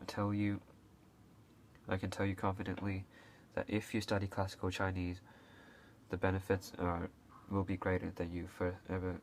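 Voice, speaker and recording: Deep and low-voiced, a young video creator from Hong Kong speaks to camera in a loose, unscripted way. He often stops and restarts, slips "uh" between phrases and coughs occasionally, with a faint hiss beneath his voice.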